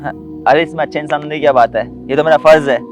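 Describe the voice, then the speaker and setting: A man's voice: fairly high pitch, rapid-fire, over music, lightly acted. A man playing a kind, humble young man. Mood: friendly. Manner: polite, friendly and calm. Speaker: job candidate.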